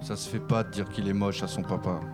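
A man voicing a grotesque father with rotten teeth, nagging his child in a low, flat, rapid voice. He sounds set back from the microphone. Loud music plays behind him. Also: close to an everyday voice. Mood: needling. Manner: pushy, needling questions.

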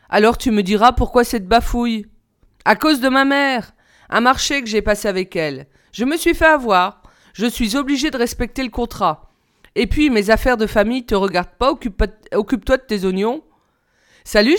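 A woman reading a children's novel aloud, lifting her pitch for the characters' lines. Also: clean tone. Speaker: reader.

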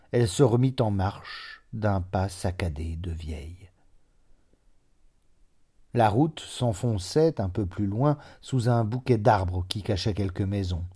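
Man, audiobook narration, measured reading, dark tone, low voice. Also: breathy edge.

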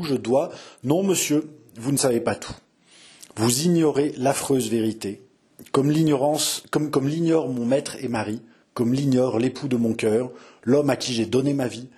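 A man's voice: medium pitch, a little mellow, natural voice. A man reading as a dignified young noblewoman. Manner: solemn, proud and earnest. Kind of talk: audiobook character reading.

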